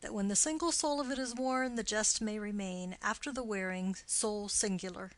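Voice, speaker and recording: A woman's voice: mid-range voice, normal speed, no room sound, natural voice. A woman voicing a witty, mocking young male nobleman in an audiobook play reading, with teasing, theatrical wordplay.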